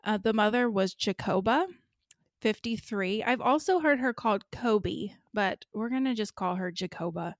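A woman's voice: medium pitch, expressive, normal speed, no echo, studio quality. A woman co-hosting a podcast, telling a weird story in a casual, chatty way with careful enunciation. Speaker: podcast co-host.

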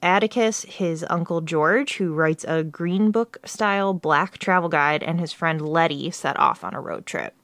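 A woman with a notably low voice co-hosts a casual podcast and talks in a relaxed, chatty way. The recording is dry and close, with no room sound. She laughs easily between her points. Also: measured pace, hardly any pauses, no echo. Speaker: podcast co-host.

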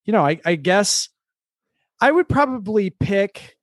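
A man's voice: sits high, very animated, unhurried, no echo, studio quality. A man co-hosting a podcast in casual chat, rambling and restarting his sentences with laughs. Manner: rambling, self-interrupting, laughing. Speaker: podcast co-host.

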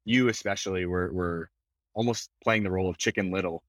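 Male interviewer, very low voice, eager and supportive. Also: fairly quick, dry recording. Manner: warmly enthusiastic, cheering the guest on. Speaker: podcast host.

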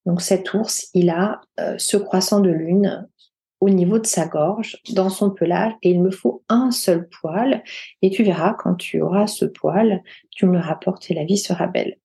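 A woman retelling a folk tale for her podcast in a gentle, unhurried way, with small hesitations. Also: on the low side, gravelly. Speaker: podcast storyteller.

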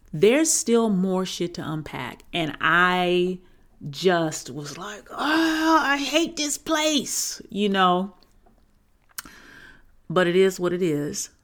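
A woman in her forties hosting a podcast, talking candidly and emphatically about her own healing, swearing freely. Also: on the low side. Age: 40s. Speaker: podcast host and healing coach. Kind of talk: reflective solo podcast talk.

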